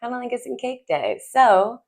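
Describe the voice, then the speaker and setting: A woman's voice: a little high, expressive, normal speed, a little mellow. A young adult woman co-hosting a podcast in casual chat, playful and joking, swearing casually. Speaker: podcast co-host.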